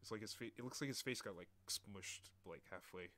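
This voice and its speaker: A man's voice: on the low side, a little fast, crowd noise. Joking man reacting to a video. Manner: joking, talks over the video. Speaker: streamer. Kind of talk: casual live reaction commentary.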